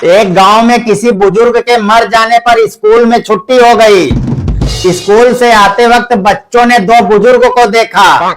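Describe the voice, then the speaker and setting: Male joke teller, very high voice, unhurried pace, over soft music. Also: fairly even intonation, rough recording. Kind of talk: reading jokes aloud.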